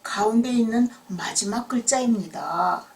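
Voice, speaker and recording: A woman's voice: fairly high pitch, expressive, measured pace, recorded from a distance. A woman storyteller voicing an honest, earnest young male scholar of old Joseon, speaking humbly and formally in a children's tale. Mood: earnest, humble. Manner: humble, formal, clearly spoken.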